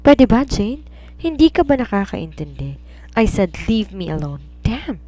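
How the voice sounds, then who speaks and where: A woman's voice: lowish voice, animated, moderate pace, natural voice. A woman voicing an angry, drunk young man who coldly pushes a woman away in an audio romance story. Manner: cold, cutting, shouting.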